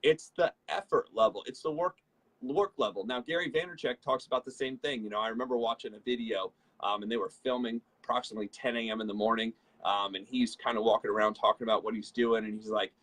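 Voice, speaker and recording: A man co-hosting a leadership show, giving an energetic motivational talk about network marketing and acting out the people he quotes. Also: medium pitch, fast, rough recording.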